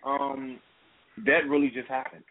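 A man hosting a podcast in casual chat, hesitant and halting, with many fillers. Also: mid-range voice, little pitch movement, slight background noise. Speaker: podcast host. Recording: tinny phone-like line.

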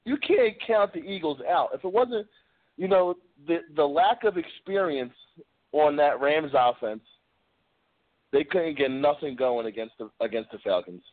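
Guy calling in on a phone line, kinda high voice, tinny and dry, easygoing but argues his point. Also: expressive, a little slow, no room sound. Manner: laid-back, argumentative, says "man" a lot. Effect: over the phone. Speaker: caller. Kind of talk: casual sports debate.

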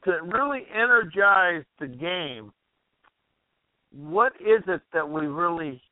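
A man with a high, expressive voice speaks slowly as host of a motivational call-in program. He rambles and throws questions at the listener while losing his voice. The recording is dry, heard over a tinny phone-style radio line.

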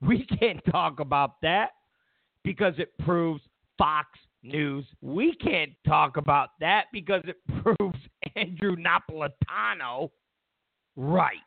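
A man's voice: fairly high pitch, expressive, takes it slowly, gravelly, dry recording. A male show host giving a mocking, sarcastic political rant and laughing in the middle of sentences. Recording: tinny phone-like dry sound.

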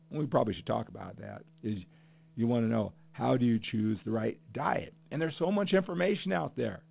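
The recording is tinny and phone-like, with no room sound, as a middle-aged man delivers a heartfelt solo podcast monologue in a mid-range voice touched with vocal fry. Emphatic and earnest, he keeps repeating phrases to press his point.

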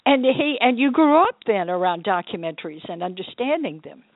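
A woman hosts a radio interview, encouraging her guest and laughing along with her. Her voice sits at a middle pitch. It comes through thin and tinny, dry with no room sound. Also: sing-song, brisk, no room sound. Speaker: radio show host.

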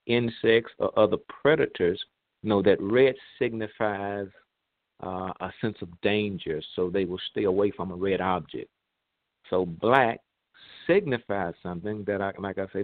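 A man hosting an online radio talk show, heard over a phone line, speaking in a measured way with pauses and fillers. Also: on the low side, no echo. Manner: measured, pausing, with many fillers. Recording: tinny, dry phone line.

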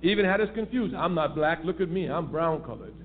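Over a tinny phone line with a faint hiss, a man speaks on a call-in radio show with a somewhat high, animated voice and a slightly fast pace. His political talk is impassioned and emphatic, driven home by repeated key phrases.

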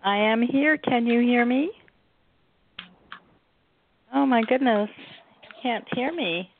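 A woman's voice: a little high, slow, slight background noise. A woman calling in to a radio show whose call keeps dropping out, so she keeps asking if she can be heard. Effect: call dropping out on a phone line. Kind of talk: phone-in call. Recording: tinny, dry phone line.

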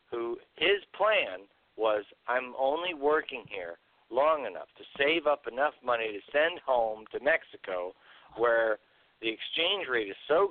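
Podcast co-host, blunt profane ranter, thin phone-like sound, dry. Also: male voice, medium pitch, dry recording. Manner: ranting, blunt, swears a lot. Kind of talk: profane casual chat. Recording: tinny phone-like line, dry.

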